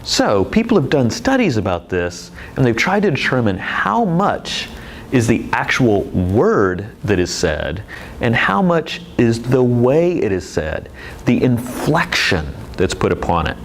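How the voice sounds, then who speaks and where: A man's voice: mid-range voice, wildly swooping pitch, measured pace, slight background noise, rough recording. A man teaching presentation skills in a video lecture, explaining expressively with demonstrations. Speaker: presentation instructor.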